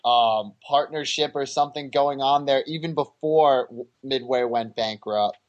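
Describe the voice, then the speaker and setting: A man's voice: medium pitch, measured pace, highs cut off. A man co-hosting a casual gaming podcast, chatty, explaining his views. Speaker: podcast co-host. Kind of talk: casual chat.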